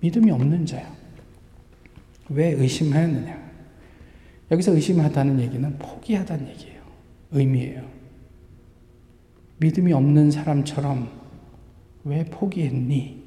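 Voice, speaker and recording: A man's voice: fairly high pitch, normal speed, pauses often, mellow. Male pastor, Sunday sermon in a reverberant church hall, questions the congregation. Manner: asks the congregation rhetorical questions. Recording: echoey hall with long reverb.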